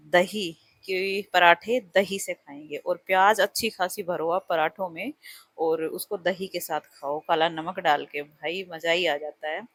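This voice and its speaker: A woman's voice: lowish voice, a bit bright, dry recording. A middle-aged woman running a parlour and raising her son, chatting casually and with self-mocking humour over her cooking vlog. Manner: chatty, self-mocking, talks directly to viewers. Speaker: vlogger, parlour owner and mother.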